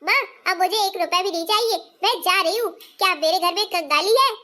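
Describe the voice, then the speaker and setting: A woman's voice: extremely high pitch, a little fast, bright, forceful tone. A woman voicing a proud, touchy married daughter in a cartoon family story, who talks in an indignant, huffy way.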